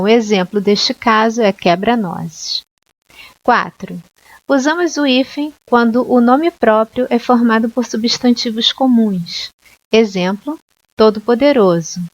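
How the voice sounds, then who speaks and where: A woman teacher walks through grammar rules at an unhurried pace, spelling out letters and repeating each example word. Her voice sits a little high. The recording is dry and somewhat dull. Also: no echo. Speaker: Portuguese teacher. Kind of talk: slow, deliberate grammar lesson.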